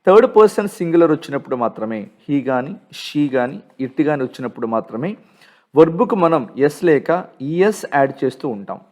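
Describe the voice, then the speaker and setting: A man's voice: fairly high pitch, sing-song, fairly quick, a little mellow. A man with a Telugu accent teaching English grammar from a textbook, who keeps asking his students questions and answering them himself.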